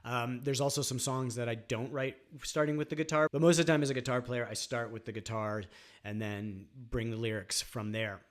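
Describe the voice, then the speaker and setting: A man's voice: mid-range voice, a little fast. A man teaching songwriting on guitar in a casual, rambling way, with frequent fillers. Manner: relaxed, rambling, many fillers like "um" and "like". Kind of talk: casual instructional talk.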